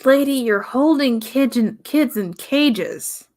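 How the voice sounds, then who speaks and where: A young woman from the American South hosting her own podcast in a casual, rambling way, pausing often and sighing. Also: high voice, lively intonation, darkish tone. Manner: rambling, pauses often, sighs. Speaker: podcast host. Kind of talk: casual solo podcast talk.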